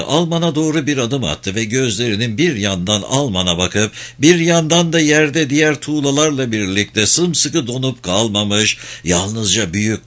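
Somber, measured male audiobook narrator. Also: medium pitch, a bit bright. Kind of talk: audiobook reading of literary fiction.

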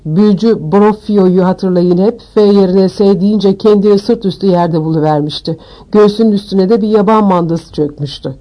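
A woman voicing a tiny, fussy old male charms professor who squeaks out shrill instructions. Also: normal speed, mellow, lightly acted, poor audio. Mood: instructive.

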